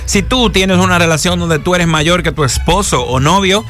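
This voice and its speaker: A man's voice: sits high, a bit bright, soft background music. A man hosting a comic radio talk show, joking and announcing callers. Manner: joking, quick asides, announces calls. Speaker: radio host. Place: radio studio.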